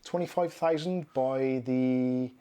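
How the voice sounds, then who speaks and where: A man in his thirties from southwest England, Bristolian-accented, hosts a casual live Q&A in a home studio with shelves and neon signs. His medium-pitched voice is slow, mellow, clear and resonant as he chattily reads viewer comments and answers them.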